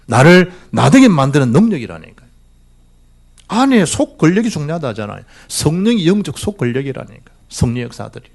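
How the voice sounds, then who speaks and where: In a church sanctuary, a male pastor preaches a sermon with a gravelly voice, talking a little fast. His pitch is wildly lively, and he fires off rhetorical questions while swinging from loud to hushed.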